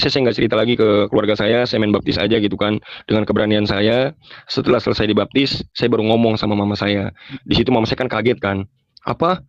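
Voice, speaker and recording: Fast-talking teenage guy, slang. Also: on the low side, no room sound, muffled recording. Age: teens. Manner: informal Jakarta slang, emotional retelling. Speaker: interview guest. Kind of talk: personal testimony interview.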